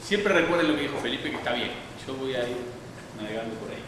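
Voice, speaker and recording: A man gives a public science lecture, wandering through his points with frequent restarts and fillers. He sounds distant from the microphone in a very echoey hall. A steady noise sits behind his voice. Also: medium pitch, fast talker. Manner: digressive, many restarts and fillers.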